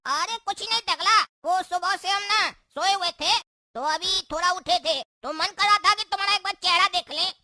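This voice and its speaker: Cocky young cartoon hero, brags nonstop, very high bright voice. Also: female voice, normal speed, no echo, heavily acted. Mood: brash. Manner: bragging, teasing. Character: boastful cocky young male troublemaker.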